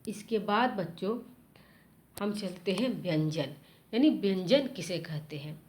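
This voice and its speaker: A woman's voice: mid-range voice, lively intonation, a little slow, a little mellow. A woman teacher giving a grammar lesson to children, spelling out letter sounds one at a time in a patient, explanatory way. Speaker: school teacher.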